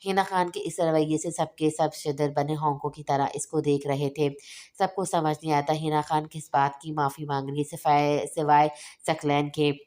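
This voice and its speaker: A woman narrating an audio novel in a steady, even reading voice. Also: low voice, moderate pace.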